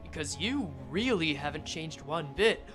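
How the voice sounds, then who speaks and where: A woman's voice: low voice, animated, a little slow, a bit bright, pitched below the performer's own voice. Scornful British lad, blunt and taunting, played by a woman, music underneath. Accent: British, put on. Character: rough, scornful British young man, blunt and mocking. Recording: game music behind the voice.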